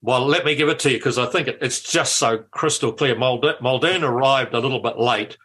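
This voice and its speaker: An older man tells stories on talk radio. His voice is bright and forceful, and his delivery is animated, with words often repeated. His pitch sits in an average range. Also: brisk. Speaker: radio guest, former MP.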